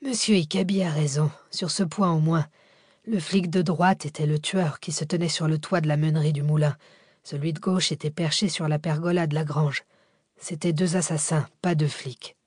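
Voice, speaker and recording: Figure: calm, precise male passenger, read by a woman narrator. Low, measured. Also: slightly rough, no echo, clean studio sound.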